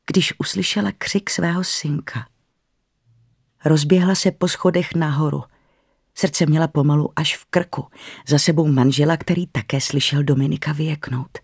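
A narrator reading a spooky family story in an even, measured way. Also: mid-range voice, gravelly, slightly rough, dry recording, studio quality.

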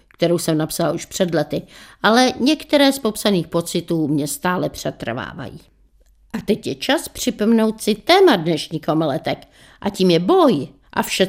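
A woman radio presenter reading her own short story aloud with wry, lively storytelling. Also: lowish voice.

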